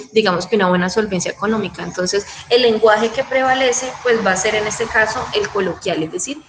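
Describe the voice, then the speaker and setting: A woman's voice: medium pitch, background noise. A Colombian woman teaching an online class, chatty, often checking in with her students and acting out regional sayings.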